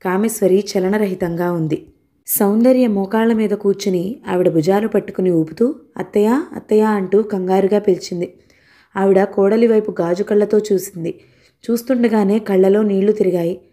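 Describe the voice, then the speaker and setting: A woman narrating an audio novel in a calm, measured reading voice. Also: medium pitch. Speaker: storyteller.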